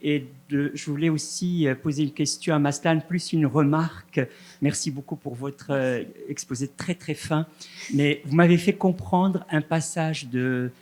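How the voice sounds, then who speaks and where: A man in the audience asking a long, polite question, pausing often and hesitating. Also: a little high, darkish tone. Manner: hesitant, many "euh" pauses, polite. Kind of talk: halting question from the floor.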